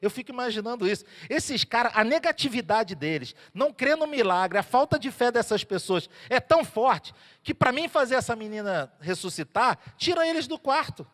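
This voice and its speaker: Man, pastor, animated sermon storytelling, high-pitched voice, long church hall reverb. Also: moderate pace, few pauses. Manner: animated storytelling, acting out characters.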